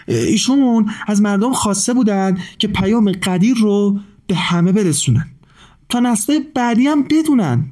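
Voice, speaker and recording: A man voicing a small friendly talking bird in a children's storybook, speaking high and eager. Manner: bright, eager, high-pitched.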